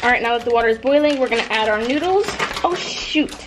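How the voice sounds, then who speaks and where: A woman vlogger chatting casually through a cooking and eating challenge, reacting with lively exclamations. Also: a little high, fast talker. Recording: roomy echo, faint noise.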